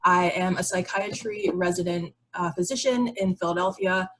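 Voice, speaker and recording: Her voice is fairly low and moves at a normal speed, heard on a low-quality recording. A young-adult psychiatry resident from Barbados, she gives an informal, explanatory educational talk in a conversational way during an online video meeting with shared slides.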